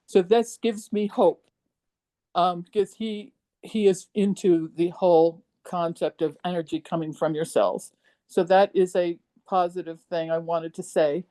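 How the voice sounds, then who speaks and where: A woman of seventy giving a personal testimonial, emotional and halting, with many ums and restarts. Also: lowish voice, fairly even intonation, dark tone. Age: 70s. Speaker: program participant.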